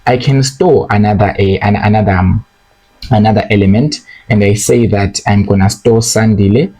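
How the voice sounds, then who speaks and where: Young male coding tutor, lowish voice, patient step-by-step delivery with frequent check-ins. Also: moderate pace, mellow, rough recording. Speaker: programming tutor. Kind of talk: screen-recorded coding lesson.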